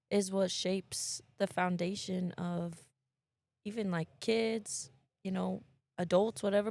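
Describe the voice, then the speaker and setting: A woman's voice: mid-range voice, gravelly, a little mellow, no echo. A woman co-hosting a podcast, talking in an earnest, chatty way. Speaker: podcast co-host. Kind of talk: casual chat.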